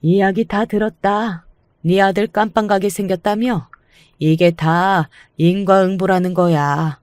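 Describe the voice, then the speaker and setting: A woman plays a protective older mother in a storybook drama, sharp-tongued and mocking as she defends her daughter. Her middle-pitched voice is close and dry. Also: steady tone, a little slow, no echo, natural voice. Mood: scornful. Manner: mocking, cutting retorts.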